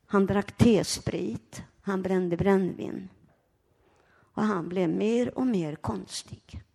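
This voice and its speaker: A woman's voice: mid-range voice, creaky, warm tone. A woman telling her own life story as a personal testimony to an audience, earnest, turning to her listeners with direct questions.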